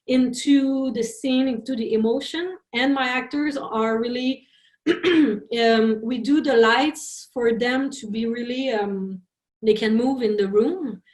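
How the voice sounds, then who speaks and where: French-native woman director talking english, slightly high voice, lots of restarts, echoey room. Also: a little mellow. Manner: halting, searching for words, frequent restarts. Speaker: film director, interview guest. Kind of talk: interview talk in a second language. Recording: roomy echo.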